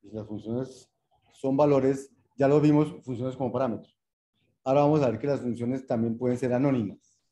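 A male programming lecturer with a deep, dark, mellow voice at a middle pitch. He explains patiently and repeats his points, often checking in with his students. He thinks aloud as he types code during the lesson. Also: steady tone, normal speed. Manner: patient, repetitive explaining with rhetorical check-ins; addresses students formally, thinks aloud while typing. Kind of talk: lecture with live coding.

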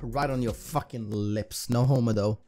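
A man with a mid-pitched voice chats casually to viewers while streaming slots. He talks in slangy, sweary bro speak, with music behind him. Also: steady tone, moderate pace, warm tone. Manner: profane, slangy bro talk. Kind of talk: casual gambling commentary to viewers.

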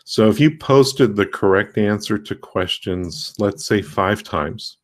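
A man hosting a casual tutorial livestream, talking in a rambling, halting way with many fillers and restarts. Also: on the low side. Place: home desk with a laptop.

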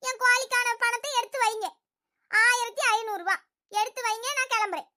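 A woman's voice: very high-pitched, fairly even intonation, brisk, pushed and bright. A woman playing a bossy village woman who scolds and haggles over a stolen hen, with a Thoothukudi Tamil accent. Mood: demanding.

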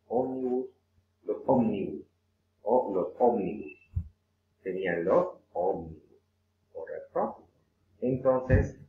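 A man's voice: on the low side, slight background noise. Man teaching grammar over a tinny line. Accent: Peruvian Spanish. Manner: patient, repeats words slowly, frequent "eh" fillers. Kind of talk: online grammar lesson. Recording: echoey room over a tinny phone-like line.

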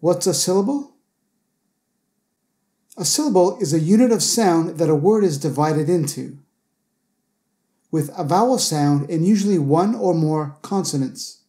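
A man plays the teacher in a scripted lesson on English pronunciation, carefully and slowly voicing each example word. He sounds fairly high-pitched, expressive and mellow.

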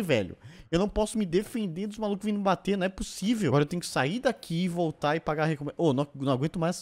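A young man giving casual gameplay commentary, swearing often and shouting in outrage before dropping to a mutter. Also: high voice. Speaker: gameplay streamer.

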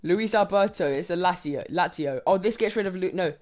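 A man giving lively, bantering commentary while opening game packs. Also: sits high, a little fast. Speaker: gaming channel co-host. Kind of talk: casual pack-opening commentary.

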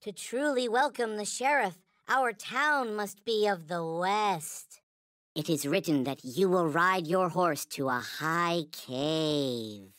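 A man's voice: high voice, a bit bright, clear, resonant tone, no room sound, clean studio sound, full character voice. A man voicing a small, polite, earnest toy alien from a video game, speaking in formal, stilted, backwards-ordered phrases. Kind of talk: video game character lines.

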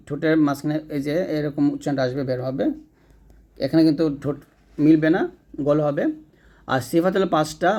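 A man's voice: a little high, darkish tone. A man teaching Quran letter pronunciation step by step, demonstrating each sound and checking in with his students. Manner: corrects his own slips mid-sentence. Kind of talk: spoken lesson on letter pronunciation.

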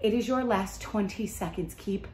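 A woman's voice: mid-range voice, moderate pace, warm tone. A woman in her thirties coaching a workout with short commands and counts, giving a motivational halftime-style pep talk while exerting herself. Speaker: fitness instructor leading a workout. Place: home garage gym, indoors. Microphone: camera a few metres away. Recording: echoey room from a distance, faint noise.

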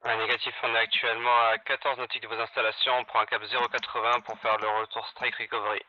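A man making halting radio calls as a flight lead pilot over a cockpit headset, with many fillers. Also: medium pitch, flat delivery. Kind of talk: radio calls to air traffic control. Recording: muffled radio headset line.

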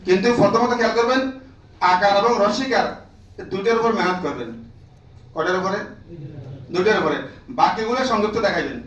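A man's voice: sits high, brisk, pauses often, a bit bright, reverberant, distant mic, lo-fi sound. A man training teachers in a classroom lecture, drilling the room with repeated questions and prodding listeners to answer.

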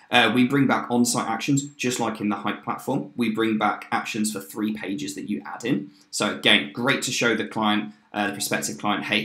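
A man in his thirties giving an upbeat, chatty screen-share walkthrough of a software tool, with fillers and quick restarts. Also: fairly low pitch. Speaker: software demo presenter. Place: indoor room, webcam in corner of screen share. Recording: roomy echo.

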